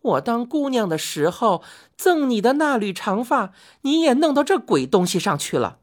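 A woman voicing Chang'e, a vain, quick-tempered young wife who scolds shrilly, for a spoken storybook. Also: fairly low pitch, sing-song, husky. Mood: upset.

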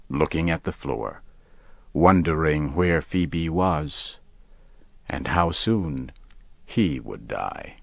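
A man narrates a story slowly and calmly, each sentence measured and clear. His voice sits very low and unhurried, recorded close and dry, with a slightly muffled, dull sound. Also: dry recording. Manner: calm and measured. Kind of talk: slow scripted story narration for learners.

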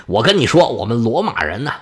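A man's voice: medium pitch, very animated, brisk, a bit bright, husky, pitched below the performer's own voice. A man voicing a proud, fearless young Roman assassin who talks back defiantly to his captor. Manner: defiant, boastful.

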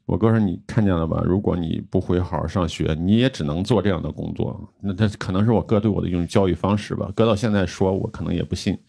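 Lively low-voiced man telling a story. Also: quick pace, creaky, hardly any pauses. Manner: animated storyteller, laughs often, acts out quoted dialogue. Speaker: podcast co-host. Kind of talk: casual chat, storytelling.

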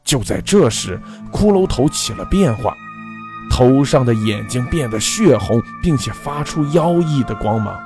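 Expressive male storyteller for a ghost tale, lively pitch, faint music behind. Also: a little slow. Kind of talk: scripted ghost story narration.

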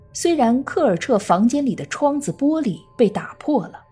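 A woman true crime narrator reading a scripted case story in a measured storytelling manner. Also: medium pitch, warm tone, slightly rough. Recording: faint music under the voice. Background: faint background music.

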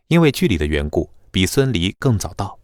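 A man narrating a web novel audiobook in a lively, dramatic storytelling manner. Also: deep voice, fairly quick, no echo, clean studio sound.

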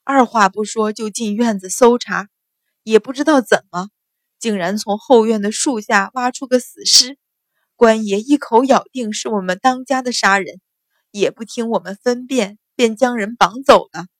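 Old servant women, voiced by a woman, tearful, pleading, loud, dry close sound. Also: a little high, moderate pace, no echo, natural voice.

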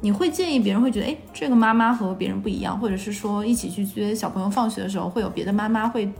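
A woman hosting a casual interview, chatting and reacting in an effusive, expressive way. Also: mid-range voice, rapid-fire, vocal fry. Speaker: interviewer, podcast host.

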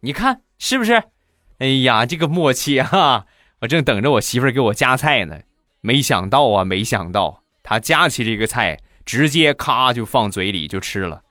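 A man telling comic anecdotes about married life in a lively, animated way. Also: medium pitch, moderate pace, no echo, studio quality. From China. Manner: animated, switching into playful voices. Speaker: comedy storyteller.

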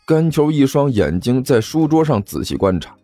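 A man narrating a comic audiobook in a playful, expressive way. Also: medium pitch, normal speed, no echo, faint music behind.

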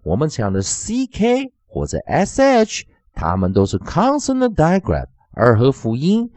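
Slow, sing-song man teaching phonics. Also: dry recording. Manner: repeats sounds slowly in drills, explaining in Chinese; very lively pitch, drawn-out syllables. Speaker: English pronunciation teacher. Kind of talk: scripted phonics lesson.

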